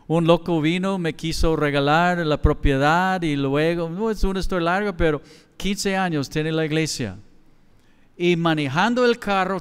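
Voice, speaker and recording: A man's voice: a little high, clear, resonant tone. A middle-aged man with a Mexican accent, preaching a sermon as pastor in a conversational way, mixing in quoted dialogue. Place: large church hall. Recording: church hall with long reverb.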